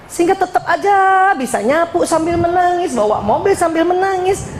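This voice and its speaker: A woman's voice: extremely high pitch, moderate pace, roomy sound, a little hiss or hum, low-quality recording. A woman from Indonesia giving a religious lecture to women, joking and speaking straight to her audience. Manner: lively, joking, addresses audience directly.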